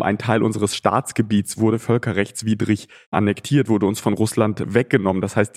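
A man's voice: on the low side, a little mellow. A man born in Ukraine, a journalist guest answering interview questions thoughtfully, with frequent hesitations.

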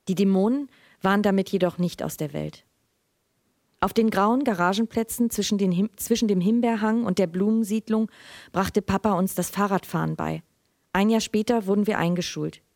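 A middle-aged woman giving a measured literary reading, then answering questions in a loose, chatty way. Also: mid-range voice, darkish tone, dry recording, clean studio sound.

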